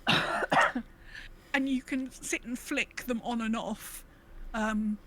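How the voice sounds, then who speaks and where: A woman co-hosting a gaming podcast speaks slowly in a higher voice over a rough recording. In casual chat she rambles, cuts herself off mid-sentence, and tells stories with animated quoted asides.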